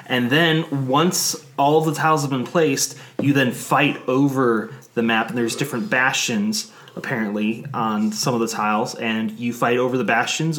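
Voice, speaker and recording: A man's voice: medium pitch, fairly even intonation, normal speed, a bit bright. A man co-hosting a board game podcast in a playful, joking way. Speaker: podcast co-host. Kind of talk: casual board game chat.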